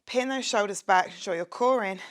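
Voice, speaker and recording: A woman's voice: mid-range voice, moderate pace. Upbeat woman coaching a workout. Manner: upbeat, encouraging, chatty with jokes; exercising while talking, drops to a whisper at times. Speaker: fitness instructor. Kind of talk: home workout instruction. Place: her home, near a street window.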